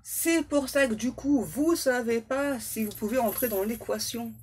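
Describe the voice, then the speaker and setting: A woman's voice: a little high, measured pace, a little hiss or hum. A woman tarot medium giving a casual reading, playful and slangy, with joking asides to her spirit guides.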